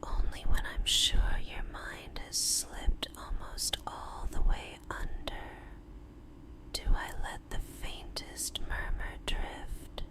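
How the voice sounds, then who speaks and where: Very slow whispered role-play, woman as tender girlfriend. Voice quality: breathy, unvoiced whisper. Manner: slow, soothing, tender, with drawn-out pauses. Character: tender, devoted girlfriend lulling her lover to sleep.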